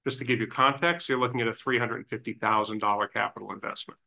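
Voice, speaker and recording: At a public meeting in a council chamber, a waste industry advisor gives informal background and explanation to the town council. His low-ish voice is steady, creaky, and sharp, and he talks fast, often restarting his sentences.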